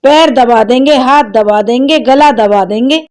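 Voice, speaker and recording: A woman voicing a cheeky, sharp-tongued young woman who answers back with witty replies. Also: sits high, unhurried, pitched above the performer's own voice.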